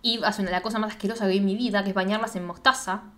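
A young woman with an Argentine accent, co-hosting a casual chat and acting out characters' lines in a slangy, animated way. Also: mid-range voice, racing. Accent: Argentine Spanish. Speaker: podcast co-host. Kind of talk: casual chat recapping a TV series.

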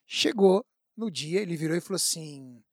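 A Brazilian man tells a personal story with emphatic, animated delivery. His voice is husky and sits a little high, and the recording is dry and close. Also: moderate pace, dry recording. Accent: Brazilian Portuguese. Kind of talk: storytelling in casual chat.

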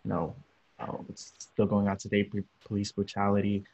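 A young man from Los Angeles, a podcast guest, talking about his upbringing in a relaxed, rambling way with many fillers. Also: fairly low pitch, moderate pace, gravelly, slightly rough. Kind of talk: casual interview. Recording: dull lo-fi audio.

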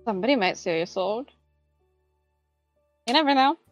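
A woman's voice: a little high, lively intonation, moderate pace, no room sound, highs cut off, soft background music. A woman playing a tabletop role-playing game, teasing the others playfully. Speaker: player. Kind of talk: casual tabletop game chat.

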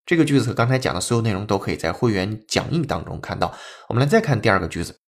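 Man, English teacher, podcast lesson, fairly low voice, spells words out letter by letter. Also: big pitch swings, very fast, gravelly.

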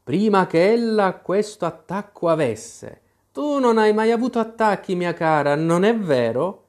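A man's voice: high voice, very animated, unhurried, pitched above the performer's own voice. A man voicing a pompous, muddled old king who mutters as he presides over a trial. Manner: muttering, self-satisfied.

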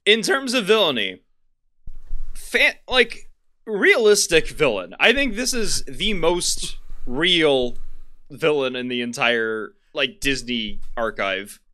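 Lively, bright-voiced man co-hosting a podcast. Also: a little high. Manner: laughing, joking, halting restarts. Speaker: podcast co-host. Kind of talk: casual chat.

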